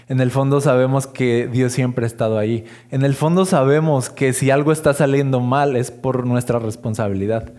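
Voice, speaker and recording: A man preaching a sermon in a conversational way, slowing down for the lines he quotes. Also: medium pitch, a little mellow.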